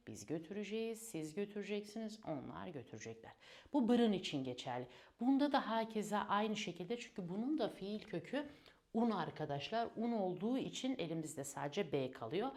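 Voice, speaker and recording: A woman teaching an online language lesson, patiently drilling verb conjugations and addressing her learners as friends. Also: fairly low pitch.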